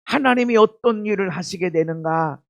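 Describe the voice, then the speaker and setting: A man preaching a sermon as pastor in a church service. He swings from loud exclamations to quiet asides and puts questions straight to the congregation. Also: sits high, moderate pace, vocal fry. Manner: asks the congregation direct questions.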